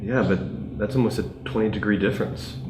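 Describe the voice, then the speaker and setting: A man's voice: fairly low pitch, brisk, lightly acted. A man playing a puzzled investigator with a casual, questioning manner, in found-footage horror film style. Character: puzzled, questioning male investigator open to the uncanny. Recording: echoey room, faint music.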